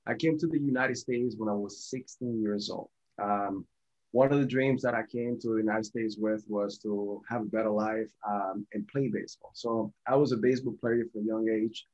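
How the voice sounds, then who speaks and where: A man in his 40s, born in Venezuela and raised in Colombia, shares his personal story conversationally as a podcast guest over a video call. His voice sits on the low side and is a little mellow, with fairly even intonation and a moderate pace. He's in a small home office, and the video call audio is dull and lo-fi.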